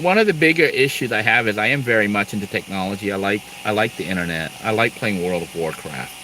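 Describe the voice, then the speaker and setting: A man's voice: on the low side, noisy background. A middle-aged man from Thailand chatting casually on a live stream, rambling through asides and laughing now and then. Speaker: live-stream host, Air Force veteran.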